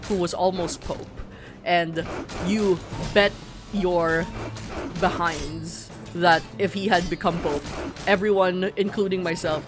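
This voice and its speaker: With game music behind her, a woman from the Philippines with a fairly low pitch chats to viewers during a game stream. Her middle-class Filipino English comes out talkative and playful, full of self-interruptions.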